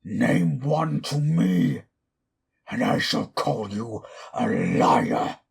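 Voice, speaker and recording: A man playing Frankenstein's bitter, anguished monster in a dramatic audio monologue, with a raspy, gravelly voice and theatrical, archaic, deliberate delivery. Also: mid-range voice, huge pitch swings, darkish tone, heavily acted. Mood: anguished, angry, then accusing, brooding. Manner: slow, deliberate, theatrical, archaic formal diction. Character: Frankenstein's monster, bitter, anguished, wrathful abandoned male creation.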